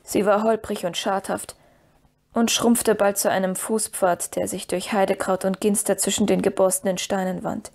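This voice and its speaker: A woman narrates a fantasy audiobook in a calm, measured reading voice. Her pitch sits in an ordinary middle range. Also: gravelly. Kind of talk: scripted storybook narration.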